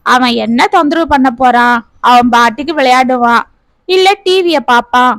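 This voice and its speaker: A woman voicing a caring older grandmother who calmly reasons with her husband. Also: sits high, moderate pace, no echo. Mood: gentle. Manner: soothing, reasoning gently.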